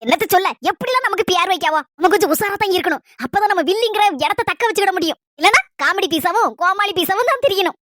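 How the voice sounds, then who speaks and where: Scheming village mother with a Kanyakumari accent, bright and rapid, mocking chatter, voiced by a woman. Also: very high voice, lively intonation, no echo. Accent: Kanyakumari Tamil.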